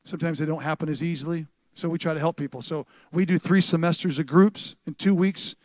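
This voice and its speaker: A middle-aged man preaching a sermon to a live congregation in an animated, conversational way, often restarting his sentences and swinging between loud and soft. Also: a little high, a little fast, no echo. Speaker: pastor. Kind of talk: sermon with church announcements. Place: church service with a live congregation.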